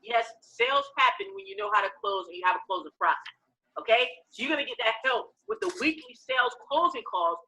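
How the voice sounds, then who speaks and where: A woman giving a live sales training pitch as presenter, emphatic and repetitive, checking in with listeners with short questions. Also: sing-song, brisk, pushed and bright, rough recording.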